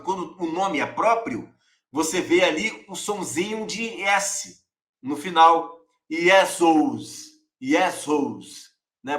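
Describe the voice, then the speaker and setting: A man's voice: high-pitched, fairly bright tone, roomy sound. A man from Rio de Janeiro with a Carioca accent, giving a live-streamed Bible lesson and repeating words to demonstrate how they are pronounced. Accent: Carioca Brazilian Portuguese. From Rio de Janeiro, Brazil.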